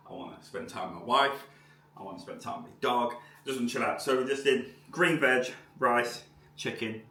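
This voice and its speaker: A man's voice: mid-range voice, sharp tone. Male vlogger, mid-range voice, casual and enthusiastic, recorded at a distance in an echoey room. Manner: enthusiastic, rambling, lots of "like". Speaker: vlogger and tattoo shop owner. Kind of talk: casual vlog chat. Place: at home.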